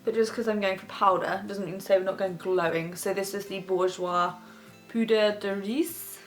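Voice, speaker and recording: A woman's voice: mid-range voice, fairly even intonation, fast talker, soft background music. A young woman chatting casually and rambling a little as she does her makeup, vlogging from her bedroom. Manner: rambling, casual, talks while doing makeup. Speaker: beauty vlogger host. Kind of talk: chatty get-ready-with-me makeup tutorial. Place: bedroom, sitting on her bed.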